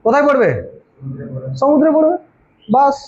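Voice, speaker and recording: A man's voice: extremely high pitch, normal speed, a little mellow. A man teaching an exam-prep geography class, who keeps firing questions at his students and answering them himself. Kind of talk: informal classroom lecture. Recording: dull lo-fi recording.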